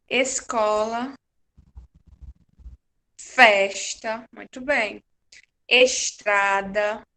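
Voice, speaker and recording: A woman teacher, giving a patient, slow-paced class to young children and confirming their answers. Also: a little high, creaky, bright, forceful tone. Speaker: primary school teacher.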